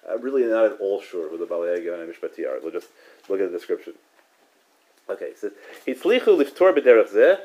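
A man's voice: low-pitched, dark tone. A man teaching a class on Talmud study in a loose, conversational way, often tagging "right?" onto his points. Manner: conversational, many "right?" asides, quick restarts, chuckles. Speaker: Torah teacher.

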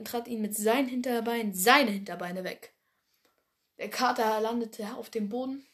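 Woman reading aloud, fan story, trips over words and corrects herself, slangy asides, fairly high voice. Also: a little hiss or hum. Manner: stumbles often and corrects herself mid-sentence; casual slangy asides between passages. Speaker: story reader.

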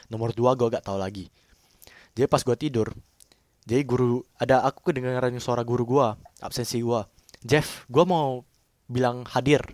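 A man's voice: medium pitch, fairly even intonation, a little fast, darkish tone, dry recording. A young man telling a horror story in casual chat, rambling and repeating himself.

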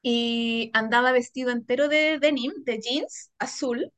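A Chilean woman telling a story on a casual podcast chat, animated and slangy, laughing often. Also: fairly high pitch, measured pace, dry recording. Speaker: podcast co-host.

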